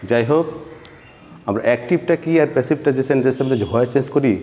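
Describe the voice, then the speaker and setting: A man's voice: medium pitch, very fast, warm tone. A male English teacher from Bangladesh giving an online class lecture, patiently explaining and often repeating words as he goes. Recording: echoey room with long reverb.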